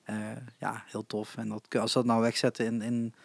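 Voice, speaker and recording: A man's voice: mid-range voice, completely flat delivery, normal speed, vocal fry, a little mellow, no echo. Casual male talker, hesitant and chatty, dry close recording. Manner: chatty, frequent hesitations and laughs. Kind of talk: casual chat about live music venues.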